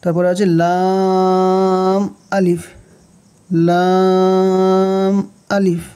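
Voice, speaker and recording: A man with a Bangladeshi Bengali accent who teaches Quran reading, slowly naming letters one by one and repeating them patiently. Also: high voice, mellow.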